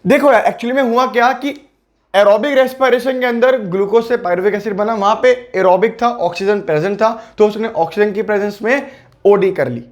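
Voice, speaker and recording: A man's voice: sits high, fairly quick. A young man teaching biology for exam prep, friendly and coaxing. He repeats key terms and asks and answers his own questions.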